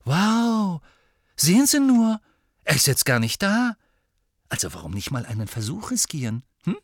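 A man's voice: sits high, expressive, moderate pace, fairly bright tone, no echo, studio quality, voice pushed up. Harry Potter, a man doing a defiant mocking teen boy.

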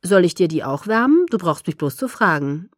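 A cocky teenage werewolf boy who teases and pushes, speaking up loudly in a storybook reading, as a woman reads him. The voice sits fairly low and dry, close to the mic. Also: sing-song, moderate pace, dry recording. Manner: pushy, teasing, raised voice. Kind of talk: audiobook character voice.

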